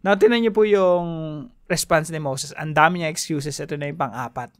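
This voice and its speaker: Lively Filipino man preaching a devotion. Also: on the high side, moderate pace, no room sound, clean studio sound. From Philippines. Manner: animated, laughs between points, mixes Tagalog and English. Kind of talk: casual devotional teaching.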